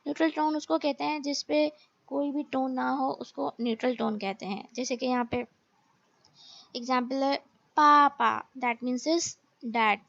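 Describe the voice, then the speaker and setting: A woman teaching a recorded language lesson, talking slowly and carefully and mixing Hindi with English. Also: high voice, fairly even intonation, vocal fry, dull audio.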